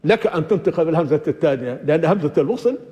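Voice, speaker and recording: Older sheikh lecturing in an echoing hall. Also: male voice, a little high, expressive, very fast, mellow. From Libya. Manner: patient, repeats words while thinking, asks and answers his own questions. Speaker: sheikh teaching Quranic exegesis. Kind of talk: classroom lecture on grammar. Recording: dull lo-fi recording with long hall reverb.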